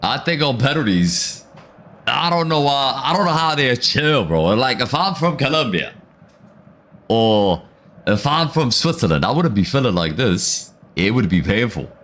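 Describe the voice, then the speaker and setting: A man hosts a live football watchalong, chatting casually with his viewers in slang and reading their comments aloud between his reactions. His mid-range voice is very animated, a touch bright, and a little slow.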